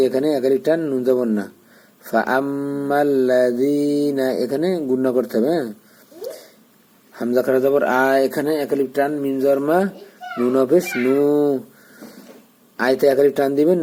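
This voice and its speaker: A man teaches Quran recitation, spelling out each letter and vowel mark one by one. His voice is warm and dark at an everyday pitch. He talks in a patient, repeating way. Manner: patient, repeats syllables slowly, gives pronunciation pointers.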